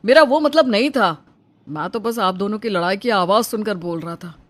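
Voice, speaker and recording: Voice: mid-range voice, animated, normal speed, a bit bright, dry recording, close to an everyday voice. A performer voicing an exasperated young husband in a cartoon who defends himself against his mother and wife. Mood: defensive. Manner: defensive, complaining.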